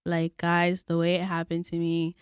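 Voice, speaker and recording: A woman's voice: fairly low pitch, monotone, moderate pace, clear, resonant tone, dry recording, clean studio sound. A young woman from the Bronx, co-hosting a casual podcast chat, laughing often and saying "like" a lot. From Bronx, New York. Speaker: podcast co-host.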